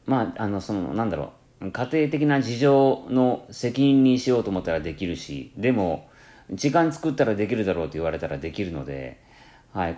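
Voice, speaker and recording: A low-pitched man with a Kansai accent blended into standard speech chats alone on his own radio-style show. His pitch rises and dips animatedly as he wanders from thought to thought. He leans heavily on fillers and corrects himself mid-sentence. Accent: Kansai mixed with standard Japanese. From Kansai, Japan. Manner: rambling, many fillers, self-corrections; lively rising and falling pitch. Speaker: podcast host. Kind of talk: casual solo radio talk.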